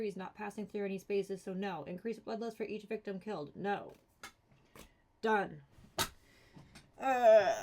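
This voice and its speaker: A woman's voice: medium pitch, darkish tone. A woman streaming a solo board game, casually thinking aloud, counting cards and talking herself through the rules with mildly exasperated asides.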